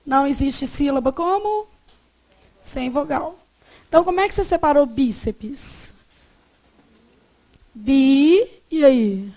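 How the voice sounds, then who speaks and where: A Brazilian woman in her thirties teaching Portuguese grammar in an emphatic, animated manner, stretching out syllables when she spells and acting out quoted dialogue. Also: sits high, moderate pace. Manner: acts out quoted dialogue in lively voices. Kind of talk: classroom lecture.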